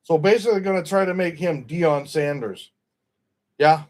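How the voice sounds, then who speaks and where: A man's voice: fairly high pitch, normal speed, darkish tone. A middle-aged man hosting a stream, chatting casually about football in a rambling, opinionated way and often correcting himself. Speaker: stream host.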